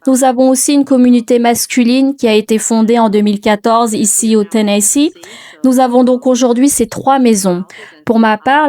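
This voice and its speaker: An older woman, a religious sister, introducing herself in a calm, steady way. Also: a little high. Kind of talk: conversational self-introduction.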